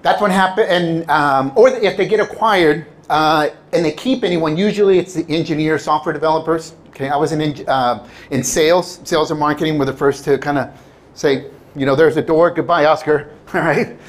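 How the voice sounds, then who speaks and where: With a voice on the high side and a moderate pace, a middle-aged man from Southern California, whose native language is Spanish, gives a personal motivational talk to an audience. A public speaker, he uses an animated storytelling style and acts out quoted lines.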